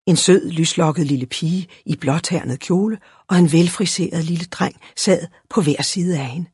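Husky, expressive storybook narrator. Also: mid-range voice, dry recording, clean studio sound. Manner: expressive, lively reading. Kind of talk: storybook reading.

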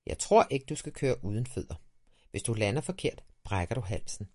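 A man's voice: mid-range voice, sing-song, a little mellow, dry recording, studio quality. A man voicing a cautious, cheeky little boy in a children's audiobook, who warns in a matter-of-fact way. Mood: warning.

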